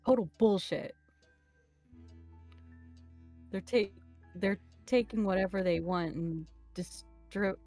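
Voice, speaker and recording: A woman's voice: mid-range voice, unhurried, a little mellow, soft background music, lightly acted. A woman voicing a desperate adult who urgently pleads for help to flee the country, reading game dialogue aloud. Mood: ranting. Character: desperate adult fleeing government seizure.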